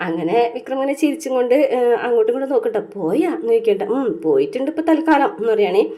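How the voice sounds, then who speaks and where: A woman's voice: fairly high pitch, expressive, racing, warm tone. A woman casually retelling a TV serial episode, full of fillers and tag words. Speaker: serial recap vlogger.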